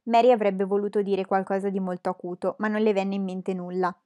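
A woman's voice: mid-range voice, level tone, brisk, dark tone. Woman reading a novel aloud. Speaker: audiobook narrator. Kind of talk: scripted narration.

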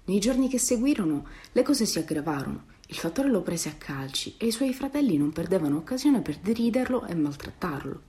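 A woman narrating a children's fairy tale in an expressive, storybook manner. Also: mid-range voice, brisk, hardly any pauses. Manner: expressive, softens for sad passages. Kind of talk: storybook reading.

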